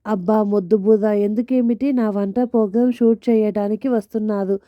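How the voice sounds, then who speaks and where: A woman voicing an excited, bossy middle-aged wife who chides her husband in a storybook tale. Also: medium pitch, normal speed, no echo, natural voice. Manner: chiding, eager. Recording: dull lo-fi dry recording.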